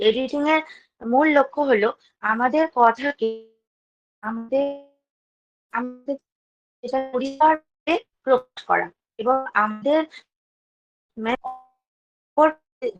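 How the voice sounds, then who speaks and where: A woman's voice: sits high, takes it slowly, long pauses, highs cut off, soft background music. Woman on a choppy, cutting-out call. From West Bengal, India. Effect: choppy, cutting-out audio over a bad connection. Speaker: session presenter. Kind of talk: online class presentation. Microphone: video call.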